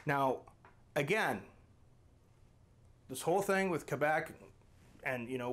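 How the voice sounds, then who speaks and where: Male vlog host, slightly high pitch, emphatic and argumentative delivery. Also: fairly bright tone. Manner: emphatic, argumentative, with rhetorical questions. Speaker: channel host. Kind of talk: opinion vlog to camera.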